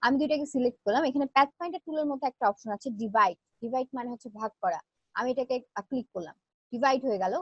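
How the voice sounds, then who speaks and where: A high-voiced woman teaches design software in a live class, moving fast and explaining each step in turn. Her voice is close and dry, with a dull, lo-fi sound. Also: breathy edge, dry recording. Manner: explains step by step, fillers between steps. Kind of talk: live online class, screen demo.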